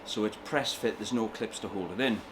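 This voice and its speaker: A man's voice: lowish voice, fairly quick. A man working as an engine builder, giving a casual technical explanation in a workshop. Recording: clear background noise in workshop.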